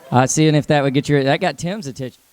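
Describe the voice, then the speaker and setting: A man, working as a youth pastor, addressing a youth group live. He is loud and energetic at first, then earnest and lower. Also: fast, very noisy.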